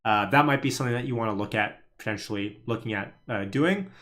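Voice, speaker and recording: A young man from Canada, a day trader, hosts a casual livestream on the stock market. His voice sits on the low side, fairly bright and quick. Chatty throughout, he laughs as he reads the chat aloud.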